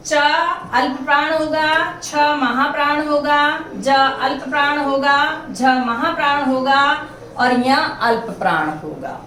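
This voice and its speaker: A woman's voice: high-pitched, slow pace, sharp tone. A woman teaching a Hindi grammar lesson, patiently spelling out each letter one at a time. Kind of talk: grammar lesson explaining consonants. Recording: echoey room, mic at a distance, faint hiss.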